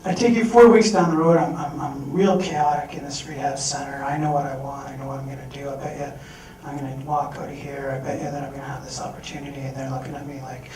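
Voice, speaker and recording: On stage at a fundraising event, a young man tells a candid personal story and acts out the voices of people he quotes. His medium-pitched voice is steady, fast and darkish, captured from far off in an echoey hall with an audience.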